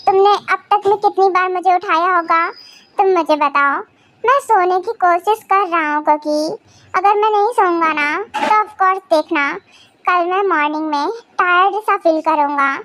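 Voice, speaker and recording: A woman's voice: very high voice, normal speed, a bit bright, no room sound. A woman voicing a sleepy, exasperated young husband who grumbles and then coaxes his wife in a fan audio drama. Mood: coaxing. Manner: grumbling, scolding then soothing.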